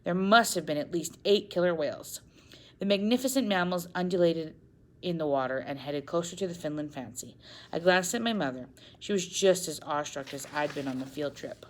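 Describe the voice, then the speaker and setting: A woman narrating a first-person novel in an expressive reading, now and then correcting a slip. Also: lowish voice, brisk. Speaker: audiobook narrator.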